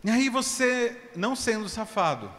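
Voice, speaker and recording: A male pastor preaches in a high, bright voice that swings between loud, drawn-out shouts and quiet, quick asides. The sound rings with long reverb from a church hall, and faint noise stays in the background. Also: big pitch swings. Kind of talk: sermon.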